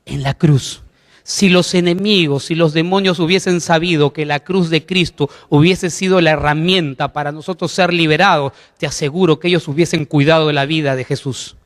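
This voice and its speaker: A man's voice: on the high side, fairly even intonation, normal speed, in a large hall. A man preaching a sermon as pastor, emphatic, putting questions to the congregation.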